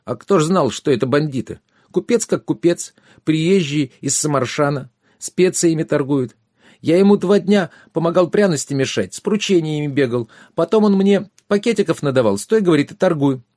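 A man's voice: fairly high pitch, animated, moderate pace, a little mellow, no room sound, clean studio sound, pitched above the performer's own voice, natural voice. A man voicing a timid young runaway male squire who pleads and whimpers. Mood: pleading fearful.

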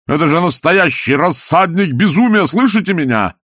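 In a clean studio recording with no room sound, a man voices a scheming, mocking male opera villain, pitching himself above his own natural voice. His delivery is fairly high, animated, moderately paced and a bit bright, with a sneering, theatrical, taunting edge.

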